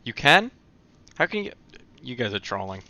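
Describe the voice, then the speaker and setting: A man casually chatting on a live game stream, relaxed and answering viewer comments as he plays. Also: mid-range voice, moderate pace.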